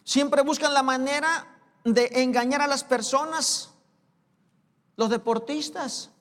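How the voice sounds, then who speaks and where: Pastor guy preaching, very high voice, lots of slow questions, big reverby church. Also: steady tone, a bit bright. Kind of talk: sermon. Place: church sanctuary. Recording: long hall reverb, live church recording.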